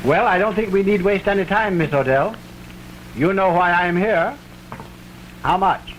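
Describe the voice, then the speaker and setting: A man's voice: high-pitched, unhurried, muffled recording. An actor in an early talkie film playing a dignified, determined middle-aged banker father with formal, emphatic diction, on a crackly old soundtrack. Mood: firm.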